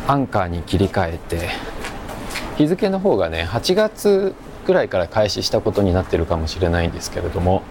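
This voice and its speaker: A man with a fairly low voice chats to his podcast listeners while walking outside. He speaks softly, as if not to be overheard in quiet surroundings, in an unhurried, reflective ramble. Clear ambient noise sits behind his voice. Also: big pitch swings. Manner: hushed, keeping voice low in quiet public surroundings. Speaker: amateur podcast host. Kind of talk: casual solo podcast monologue recorded while strolling. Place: outdoors, walking through a park-like area. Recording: noisy outdoor recording with ambient hum.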